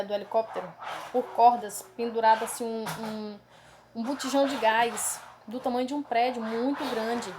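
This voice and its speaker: Woman preacher, earnest testimony style, somewhat high voice, soft hiss under it. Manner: earnest and emotional, addresses listeners as brothers; tags many phrases with a questioning aside. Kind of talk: testimony of a dream vision.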